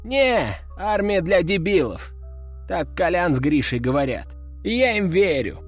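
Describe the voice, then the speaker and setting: Cocky teen lad, higher and flippant, read by a man. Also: expressive, moderate pace, breathy edge, soft background music. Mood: dismissive. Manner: boastful, flippant. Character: cocky teenage boy, brash and dismissive.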